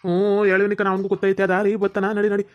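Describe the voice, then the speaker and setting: Flat, fast North Karnataka voice. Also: medium pitch, muffled recording. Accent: North Karnataka Kannada. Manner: bossy, ordering others about. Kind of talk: cartoon comedy voice acting.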